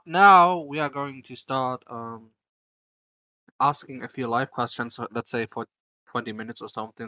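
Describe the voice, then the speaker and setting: A man's voice: medium pitch, sharp tone, no room sound, low-quality recording. A man hosting a live community call, reading out audience questions and thanking people. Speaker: AMA host.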